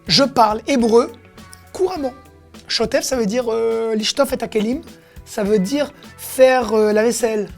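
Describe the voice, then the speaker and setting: A woman's voice: a little high, darkish tone. A woman teaching everyday expressions in a casual lesson, explaining each word and acting out how it is said. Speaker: Hebrew teacher.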